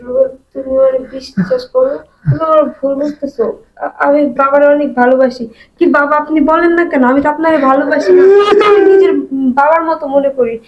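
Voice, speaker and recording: A woman's voice: high voice, steady tone, brisk, highs cut off, a little hiss or hum, close to an everyday voice. A young woman, playing a scheming, cruel wife who taunts her old father-in-law. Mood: pleading. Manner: sneering, taunting. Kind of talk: melodramatic short-film acting.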